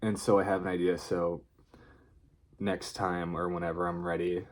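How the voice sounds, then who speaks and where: A man's voice: low-pitched, flat delivery, normal speed. A man talking casually in an unscripted video diary, rambling and hesitant as he thinks aloud. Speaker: vlogger.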